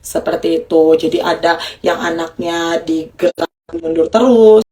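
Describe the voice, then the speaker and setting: A woman, a child development educator, giving casual parenting advice to mothers in a lively way, dropping to a soft low voice for demonstrations. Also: measured pace.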